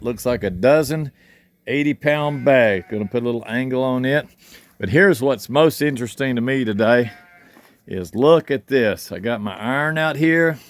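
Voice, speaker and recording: A man's voice: mid-range voice, no echo. A man with a mid-range voice hosts a casual outdoor cooking vlog. He talks in a folksy, rambling way, thinking aloud as he works. The sound is dry and close, picked up by the camera he holds. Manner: folksy, chatty, thinks aloud while working. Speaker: home cook and channel host. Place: outdoor cook shack. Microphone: handheld camera.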